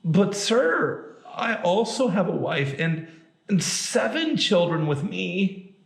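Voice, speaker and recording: A humble poor man pleads with a stranger, put on by a man telling a joke. The voice is slow and deferential. It carries a roomy echo. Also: on the high side, animated, voice pushed up. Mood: pleading.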